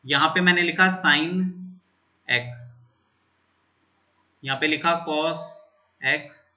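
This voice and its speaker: Bright-voiced man teaching maths. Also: on the high side, extremely slow, muffled recording. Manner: repeats steps and checks in with students. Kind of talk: whiteboard maths lesson.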